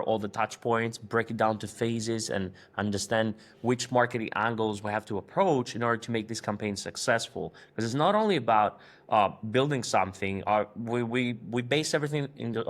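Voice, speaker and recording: A man from Greece, a marketing agency co-founder speaking in a podcast interview, hesitant, with frequent fillers and restarts. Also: on the low side.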